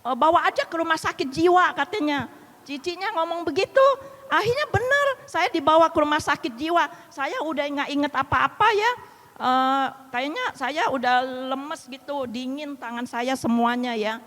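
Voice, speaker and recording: A middle-aged woman tells her personal testimony in a high voice. Her talk halts on fillers and restarts, and she acts out what her family said. Long reverb from a hall hangs behind her. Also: fairly bright tone. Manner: halting, many fillers and restarts, acts out others' quoted words. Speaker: church group member sharing a testimony. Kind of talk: personal testimony in casual speech.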